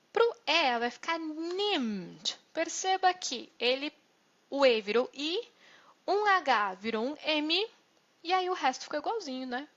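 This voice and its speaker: A woman's voice: high voice, fairly bright tone. A woman with a Brazilian Portuguese accent teaching German in a live online lesson, explaining step by step and checking in with "né?" and "ok?". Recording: dull lo-fi sound.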